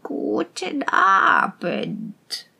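A woman voicing a cunning old witch who rasps and whispers slowly with false friendliness. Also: high-pitched, huge pitch swings, bright, forceful tone, full character voice. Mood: falsely friendly. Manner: rasping, slow, whispery.

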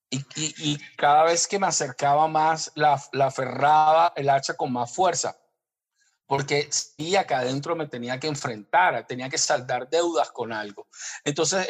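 A man from Colombia's Caribbean coast, with that region's Spanish accent, speaking reflectively as an author in an interview, halting and often rephrasing. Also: medium pitch.

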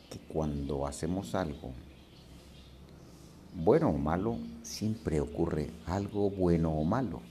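A man who hosts a daily reflection, telling a parable and encouraging listeners in a gentle, preaching way. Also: very deep voice, slight background noise. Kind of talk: motivational reflection.

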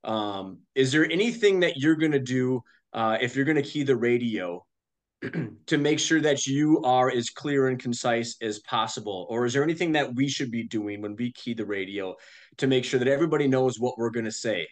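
A man's voice: mid-range voice, moderate pace. A man hosting a podcast, asking questions in a hesitant way with many fillers. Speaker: podcast host. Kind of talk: casual interview questions.

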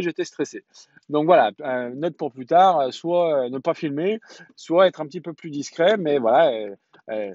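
Hesitant, mellow-voiced man telling a story. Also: mid-range voice, dry recording, dull audio. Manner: hesitant, chatty storytelling with many fillers and restarts. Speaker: podcaster. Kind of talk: casual personal podcast monologue.

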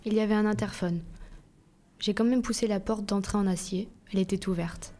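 A woman reading a first-person novel aloud in a plain, even storytelling voice. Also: mid-range voice, brisk. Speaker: audiobook reader.

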